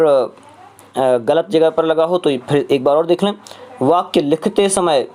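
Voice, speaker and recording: Slightly high-pitched male exam tutor. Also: darkish tone. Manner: explains step by step, repeating the question; hesitant filler sounds between phrases. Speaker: teacher. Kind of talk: exam prep lesson.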